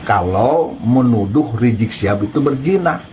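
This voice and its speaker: A man's voice: mid-range voice, animated, moderate pace, a little hiss or hum, poor audio. Taunting male commentary host. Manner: taunting, questioning, with soft laughs. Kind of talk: mocking online commentary.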